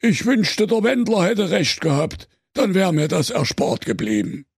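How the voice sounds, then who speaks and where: A man playing a sarcastic, exasperated old father in a radio comedy fairy tale, with a husky voice. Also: high voice, big pitch swings, measured pace, dry recording, studio quality, full character voice. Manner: weary, gruff, sarcastic.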